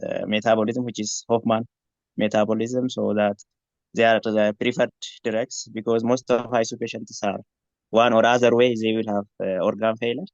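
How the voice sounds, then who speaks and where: Man from ethiopia, student answering on a call, raspy-ish gravel, uh uh, dead dry sound. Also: on the low side, level tone, a little mellow, no room sound. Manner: measured, many uh fillers. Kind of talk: answering in an online tutorial. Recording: dry, dull call audio.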